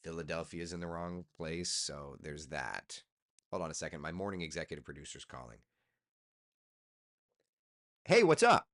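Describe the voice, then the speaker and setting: A man's voice: a bass voice, a little fast, fairly bright tone. A tired man, a TV weatherman, chatting casually on a live stream while walking through forecast maps. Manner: loose, chatty, talks to himself while working. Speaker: TV meteorologist hosting a live chat.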